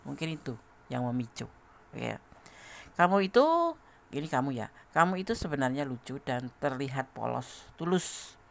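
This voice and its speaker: Tarot reader, male, very gravelly, chatty, laughs a lot, talks straight at the listener. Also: medium pitch, lively intonation, normal speed, long pauses. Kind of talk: casual tarot reading to a viewer.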